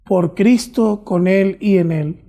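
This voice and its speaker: High-voiced, soft-toned priest praying at Mass. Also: male voice, vocal fry. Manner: solemn, measured, formal recitation. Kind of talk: liturgical prayer recited at Mass.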